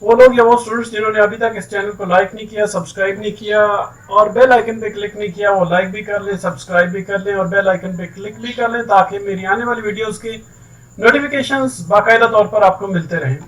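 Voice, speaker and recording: A man's voice: high-pitched, steady tone, quick pace, fairly bright tone, recorded from a distance, poor audio. A man giving an online English lesson, explaining step by step and often checking "okay" with his students. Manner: explains step by step, keeps saying "ठीक है"; mixes English words and phrases into his talk. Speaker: English teacher. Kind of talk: online lecture.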